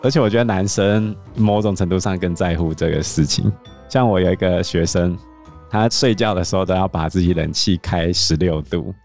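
A man with a very low voice and a Taiwanese Mandarin accent chats on a book-club podcast, spinning animated stories about a student. Quiet music sits beneath him. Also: moderate pace. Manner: animated storytelling, self-teasing asides. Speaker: podcast co-host, teacher. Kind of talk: casual book-club chat.

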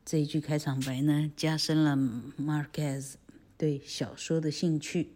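A woman's voice: low voice, level tone, measured pace, warm tone. A woman teacher with a Taiwanese Mandarin accent giving a chatty lesson on a picture book, peppering her talk with little fillers. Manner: chatty, frequent filler "ha", self-correcting; spells out words letter by letter.

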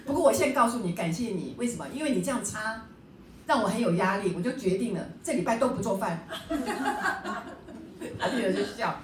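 A woman teacher runs a book study class, lecturing chattily and often checking in with rhetorical questions. Her voice is a little high and very animated, at a moderate pace with long pauses. She's recorded from a distance in an echoey room, slightly off-mic, with a little hiss or hum.

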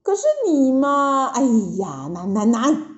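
A woman voicing a boastful, quick monkey king who talks in brisk exclamations. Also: fairly high pitch, lively intonation. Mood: fretting. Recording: echoey, dull lo-fi recording.

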